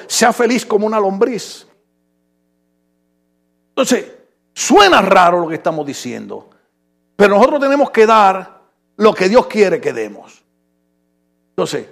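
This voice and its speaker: A middle-aged pastor giving a joking, conversational sermon, calling out to the congregation and sometimes shouting. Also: male voice, high voice, vocal fry. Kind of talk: humorous sermon.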